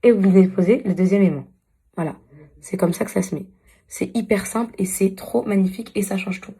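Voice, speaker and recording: A woman's voice: medium pitch, a little fast, dark tone, breathy edge. A woman talking casually to her followers in a vlog, venting in a repetitive, exasperated way and walking through a beauty routine. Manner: exasperated, venting, repeats herself; chatty beauty tutorial. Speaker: social media influencer.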